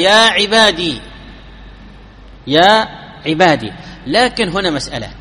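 A man giving a classical Arabic grammar lesson, explaining step by step, asking his students questions and drawing out each example phrase slowly. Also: fairly high pitch, pushed and bright, in a large hall, a little hiss or hum. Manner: slows down and drawls out example phrases.

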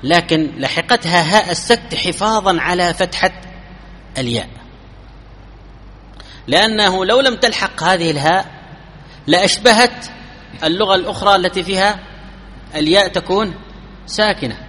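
A man giving a classical Arabic grammar lesson, explaining step by step, asking his students questions and drawing out each example phrase slowly. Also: sits high, animated, bright, forceful tone, big-room sound, a little hiss or hum. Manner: slows down and drawls out example phrases.

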